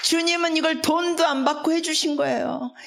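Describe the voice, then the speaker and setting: A woman, a guest missionary, preaching a revival sermon as an animated storyteller who acts out the people in her stories and coaxes the congregation to respond. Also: high voice, moderate pace, creaky, noisy background. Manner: animated, acts out quoted speech.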